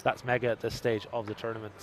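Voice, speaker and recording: A man's voice: fairly low pitch, level tone, fast talker, background noise. A man commentating a live poker stream, breaking down hands analytically and joking with the chat. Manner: jokey, analytical, chats with viewers.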